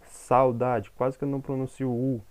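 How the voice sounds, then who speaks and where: A man's voice: mid-range voice, normal speed, gravelly, dark tone. A man teaching a grammar lesson, explaining step by step and checking in with the class.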